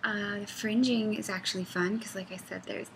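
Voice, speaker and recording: A woman's voice: medium pitch, moderate pace, a little hiss or hum, low-quality recording. A woman giving a casual knitting and felting tutorial at home, rambling and chatty, with frequent laughs. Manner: rambling, chatty, goes off on tangents; animated, laughs often. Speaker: knitting pattern designer.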